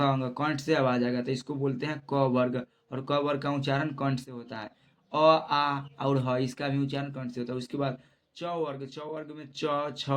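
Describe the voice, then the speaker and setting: A man teaching a Hindi grammar lesson for exam students, saying each definition twice and reading the letters out one by one. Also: mid-range voice. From Bihar, India.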